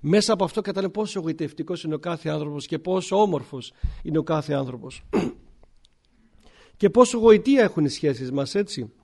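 A man, a priest, preaching a sermon, explaining scripture with many rhetorical questions and frequent throat-clearing. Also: fairly high pitch, lively intonation, a little mellow.

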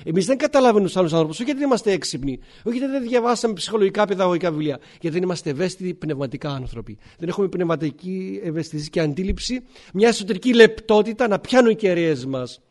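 A man, a priest, preaching a sermon, explaining scripture with many rhetorical questions and frequent throat-clearing. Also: high-pitched, lively intonation, a little mellow.

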